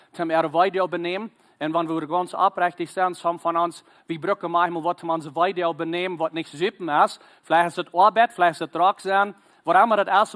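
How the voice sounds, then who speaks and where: A man. He talks haltingly, with many fillers and stray English words mixed into his sermon. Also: high-pitched, fairly bright tone. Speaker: preacher.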